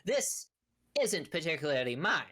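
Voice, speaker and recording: A woman voicing a gruff, talkative male half-orc rancher who rambles folksily and calls people honey. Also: low-pitched, big pitch swings, normal speed, fairly bright tone, heavily acted. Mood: grateful chatty.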